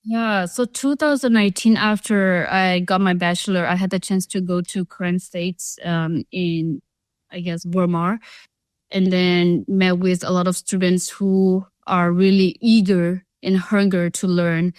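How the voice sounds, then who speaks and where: Her voice is fairly low, steady and measured, with no room sound. She's a young adult from Thailand, a social enterprise founder appearing as an interview guest, and she recounts her journey sincerely and talkatively, sprinkling in plenty of "like" and "you know."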